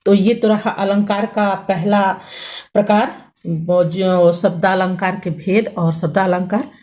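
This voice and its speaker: A young woman teaching a grammar lesson, explaining slowly and patiently and checking in often with her students. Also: mid-range voice, fairly even intonation, darkish tone. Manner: slow, patient explaining with many "thik hai" check-ins.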